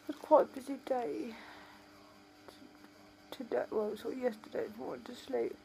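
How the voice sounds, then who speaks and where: A woman's voice: a little high, steady tone, normal speed, creaky, dark tone, poor audio. A tired woman talking with a sore, swollen jaw after surgery, in a casual late-night video diary. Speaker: vlogger.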